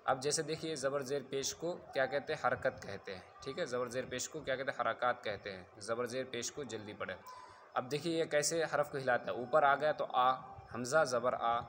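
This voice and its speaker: Man teaching, slow loud spelling drills, frequent checks that listeners follow, faint background hiss. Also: mid-range voice. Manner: drills letters slowly and loudly, repeats "theek hai?" to check understanding. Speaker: Quran reading teacher. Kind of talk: online reading lesson.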